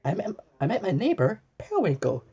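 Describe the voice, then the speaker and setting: A storybook reader speaks in a mid-range, dark, husky voice with huge pitch swings. Reading a children's book aloud with lots of exclamations, she asks the listener questions, pauses as if answered, and often trips over and repeats words, speaking asides to the viewer.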